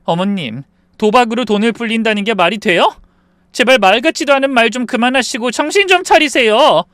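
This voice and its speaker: A man voicing an angry young wife who shouts back and then firmly explains to the police. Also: very high-pitched, lively intonation, fairly quick, clean tone, no room sound, studio quality, voice pushed up, exaggerated voice. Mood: furious. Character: angry young wife standing her ground.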